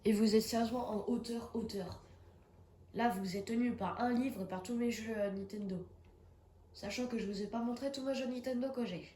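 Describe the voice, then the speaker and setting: Her voice runs on the high side with a warm tone at normal speed as this young woman, sick with a cold, streams a horror game and reacts with jumpy outbursts between casual chatter. The phone picks up an echoey room and slight background noise.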